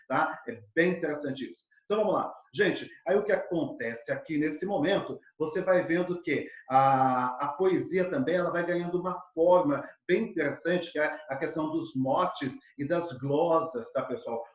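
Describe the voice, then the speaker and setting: Guy teaching lit, kinda high voice, echoey muffled room. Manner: lively, full of fillers, addresses students directly. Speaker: literature teacher. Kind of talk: recorded exam-prep lesson. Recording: echoey, dull lo-fi room sound.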